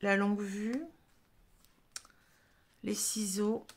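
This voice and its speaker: Gravelly-voiced woman reading tarot. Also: medium pitch, level tone. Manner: halting, full of "hein" and "vous voyez", restarts. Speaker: tarot reader. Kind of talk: casual tarot reading to camera.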